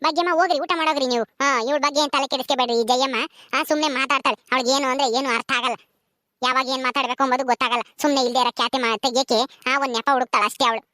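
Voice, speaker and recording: A woman's voice: sits high, fairly even intonation, very fast, bright, forceful tone, dry recording, clean studio sound. A woman playing an outspoken middle-aged village woman in a family drama, scolding and telling people what to do. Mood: defensive. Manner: scolding, protective, commanding.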